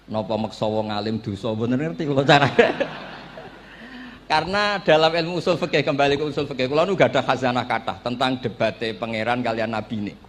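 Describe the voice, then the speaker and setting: A man's voice: mid-range voice, slight background noise. Javanese man preaching with playful stories. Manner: storytelling with acted dialogue and joking asides. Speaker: Islamic preacher. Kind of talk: Javanese pesantren sermon.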